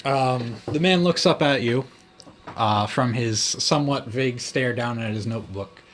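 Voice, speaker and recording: A man narrating as game master at a tabletop role-playing game in an easygoing way. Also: mid-range voice. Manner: easygoing, quick to laugh.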